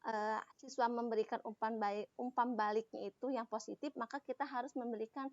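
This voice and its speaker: A woman presenting a teacher-training lesson over a video call, speaking haltingly while her audio breaks up. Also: a little high, steady tone. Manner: halting, with frequent pauses and restarts. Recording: dull, dry, choppy call audio.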